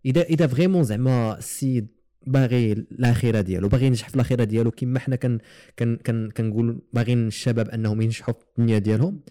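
A man's voice: medium pitch, fairly even intonation, racing, mellow. A man with a Moroccan Arabic accent hosting a casual, reflective conversation, repeating words as he searches for phrasing. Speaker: podcast host.

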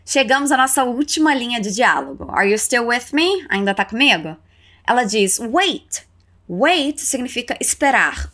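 A woman with a bright, clear voice leads an English lesson, speaking slowly and pronouncing each phrase with care. Her pitch sits a little high as she models lines for learners to repeat. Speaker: English teacher. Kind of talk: language lesson with repetition drills.

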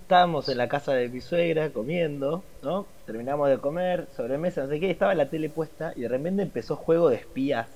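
An Argentine man in his thirties with a raspy, smoker-like morning voice, chatting casually as a podcast panelist. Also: on the high side, fairly quick, few pauses, a little mellow. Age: 30s. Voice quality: raspy, boozy-sounding morning voice. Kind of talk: casual film chat.

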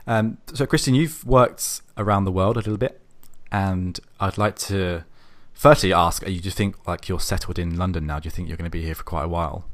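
A man hosting an interview, asking questions and sharing views in an unhurried, casual way. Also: low-pitched. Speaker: host.

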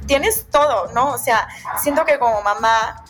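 A woman in her thirties with a Mexican accent, telling her own story in a lively podcast chat and quoting her own thoughts. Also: on the high side, unhurried, over music. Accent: Mexican Spanish. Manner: animated, quotes her own thoughts, many fillers. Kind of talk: casual chat.

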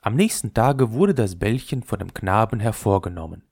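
A man narrating a fairy tale, reading in an expressive storytelling manner. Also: normal speed, creaky, breathy edge, no room sound, studio quality. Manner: expressive storytelling with lively pitch.

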